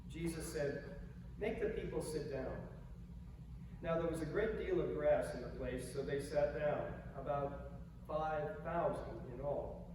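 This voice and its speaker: A gentle, soft-spoken male pastor, whose voice is slightly higher than most men's, reads scripture and preaches unhurriedly. He sounds distant from the microphone, and a long reverb rings through the big old church sanctuary. A clear hiss of noise runs beneath his words, making the recording echoey and noisy.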